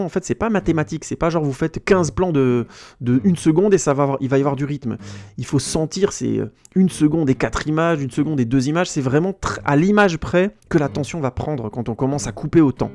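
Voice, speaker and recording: A man's voice: fairly high pitch, lively intonation, a little fast, a little mellow. A man hosting a podcast, giving a casual spoken film review, chatty and digressive, often stopping to search for a word. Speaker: film critic podcast host.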